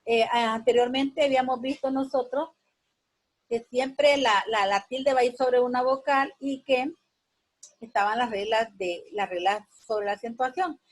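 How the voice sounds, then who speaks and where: Slow, husky woman teaching a class. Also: a little high. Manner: slow, explanatory, repeats words and asks "¿verdad?". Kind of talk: classroom grammar lesson.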